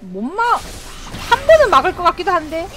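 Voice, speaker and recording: A woman's voice: very high-pitched, fairly quick, background noise. A woman streaming a game, reacting with yelps, laughs and running commentary as she plays. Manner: animated, yelps and laughs, talks to the screen. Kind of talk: excited gameplay commentary.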